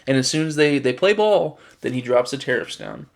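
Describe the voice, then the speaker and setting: A man's voice: mid-range voice, expressive, a little fast, gravelly. A man giving casual political commentary, reading news items aloud and reacting with exasperated sarcasm, often restarting his sentences.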